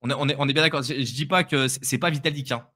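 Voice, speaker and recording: A man with a bright, forceful voice co-hosting a casual live stream. He gives his views haltingly, restarting phrases and repeating words as he goes. His pitch sits in an ordinary middle range. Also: fairly even intonation. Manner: hesitant, repeats words while giving opinions. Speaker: co-host of a crypto live stream. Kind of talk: casual chat.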